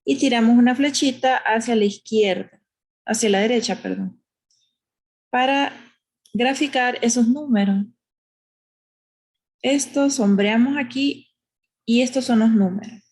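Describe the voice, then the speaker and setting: A woman's voice: on the high side, a little slow, pauses often, a little mellow. A woman teaching a math lesson, explaining step by step in a patient way and often checking with "¿verdad?". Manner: patient, explanatory, uses diminutives, asks "¿verdad?".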